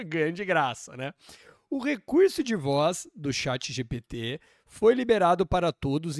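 Chatty Brazilian man, high voice. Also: no room sound, studio quality. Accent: Brazilian Portuguese. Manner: chatty, keeps adding "né?". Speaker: tech youtuber. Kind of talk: casual tech video commentary.

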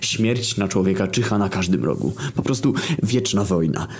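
A man's voice: sits low, moderate pace, a little mellow, husky. A man reading a comic story aloud, with sardonic asides and exaggerated turns.

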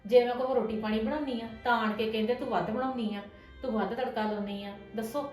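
A woman's voice: a little high, steady tone, darkish tone, reverberant, lightly acted. A woman acting a young wife who feels wrongly blamed, speaking in a pleading, defensive way. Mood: hurt. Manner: pleading and defensive, quick talk. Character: hurt young wife, earnest and tired of blame. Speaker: daughter-in-law in a family drama. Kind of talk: scripted domestic drama acting.

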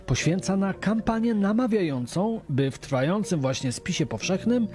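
Guy doing tv report voiceover, soft mellow tone, bit high, music under it. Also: lively intonation, moderate pace. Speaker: TV news reporter. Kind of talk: scripted narration.

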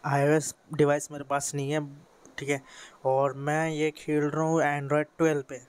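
The voice is fairly high, monotone, and a touch slow, with a clean tone: an Indian teenage boy casually talking through a mobile game tutorial on a screen recording. Recorded in his bedroom with a fan on, he rambles, using lots of fillers and correcting himself.

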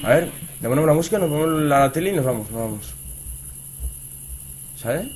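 A young man with a Spain Spanish accent giving gameplay commentary, excitable and repeating phrases as he swings between muttering and shouting. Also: a little high, fairly quick, a little hiss or hum. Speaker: gaming youtuber.

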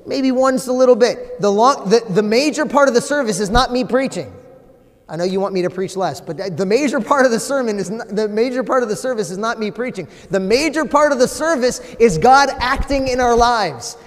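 A priest in his forties preaching a sermon in a large church, animated, with swings from loud emphasis to a near-whisper. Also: very high-pitched, fairly quick. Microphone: far camera, no visible mic. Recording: long church reverb.

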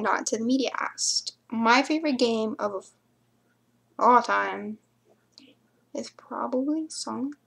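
A woman's voice: a little high, creaky, a bit bright, breathy edge. A young woman chatting casually to camera, answering viewer questions and rambling into mumbled asides.

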